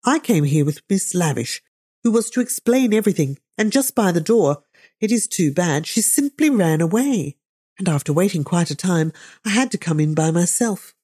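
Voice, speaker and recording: A genteel young woman explains herself politely, a little apologetic. A woman reads her in an audiobook, her voice low, mellow and slightly husky. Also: expressive, moderate pace. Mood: flustered. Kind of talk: audiobook character reading.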